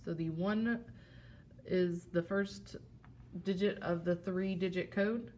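With a lowish voice that takes things slowly, a woman teacher explains a classroom game plainly and steadily, one step at a time, showing the props as she talks. Slight background noise is present.

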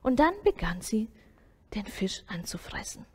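A woman reading a Sunday school story aloud to children, soft and often sinking to a near whisper. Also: medium pitch, very animated, unhurried.

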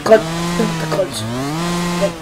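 A woman giving casual, excitable, slang-heavy commentary while playing a game, talking into a headset. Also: heavy background noise. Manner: excitable, slangy, quick exclamations. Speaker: gaming channel host. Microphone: gaming headset.

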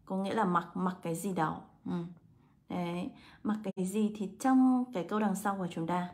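A woman English teacher, walking students through exam answers step by step and slowing down to read English words aloud. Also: on the low side, fairly even intonation, a little mellow. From Vietnam. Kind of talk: exam answer walkthrough lesson.

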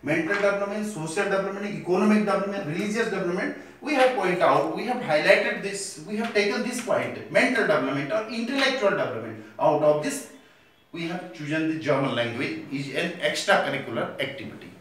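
A man's voice: high voice, expressive, a bit bright, distant mic, slight background noise. Man lecturing in an echoey room. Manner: switches between slow, deliberate English and fast Hindi explanation. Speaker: language teacher. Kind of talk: classroom lecture.

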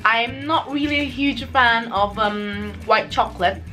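A young woman speaks with her mouth full, chewing as she chats excitedly to her viewers. Her voice is bright and a little high. A soft music bed plays quietly behind her. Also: measured pace. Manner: chatty, excitable, talks to viewers. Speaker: vlogger. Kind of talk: casual food-tasting vlog.

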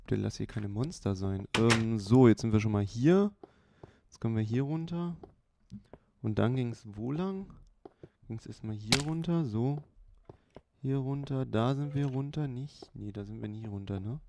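A man hosting a let's play, giving unhurried, chatty running commentary with many fillers. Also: mid-range voice. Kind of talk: casual gameplay commentary. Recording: clear background hiss.

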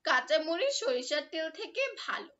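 A woman's voice: high-pitched, sing-song, normal speed, sharp tone, dull audio, exaggerated voice. A woman voicing a stubborn little child who whines and insists, in a children's storybook reading. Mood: whiny. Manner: whiny, insistent.

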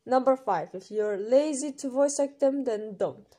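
Her voice sits high, with a warm tone and a slightly slow pace. She reads an informal explainer script of numbered rules in an emphatic, teaching manner, taking the role of a creator running an audition.

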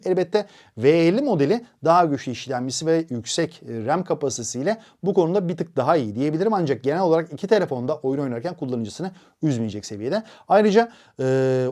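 Fast-talking man reviewing phones. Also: on the high side. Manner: steady explanatory delivery with frequent "e" fillers. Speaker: tech reviewer. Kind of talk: product review talk.

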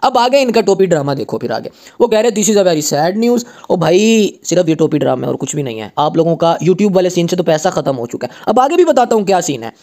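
A man giving casual screen-share commentary on an earning app, emphatic and warning, reading English text out slowly. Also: sits high, sing-song, darkish tone. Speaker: YouTuber reviewing an earning app.

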